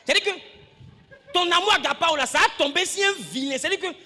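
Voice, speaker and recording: A pastor preaching a lively sermon, acting out scenes, shouting and laughing with the congregation. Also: male voice, very high voice, fast talker, in a large hall.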